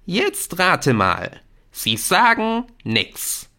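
A man reading an audiobook, voicing a worried, earnest teenage schoolboy who pleads urgently in a raised, high voice. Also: sing-song, measured pace, creaky, fairly bright tone, exaggerated voice. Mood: worried, insistent. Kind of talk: audiobook character voice.

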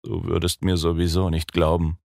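Broken young man, quiet and muttering, from a male narrator. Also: low voice, flat delivery, moderate pace, gravelly, dry recording, studio quality. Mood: shaken. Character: shaken young man after a terrible escape.

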